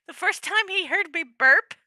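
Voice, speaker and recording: Bright, lively-voiced woman streamer chatting. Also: extremely high pitch, slow pace, no room sound, studio quality. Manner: playful, laughs often. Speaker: livestreamer. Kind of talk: casual chat with viewers.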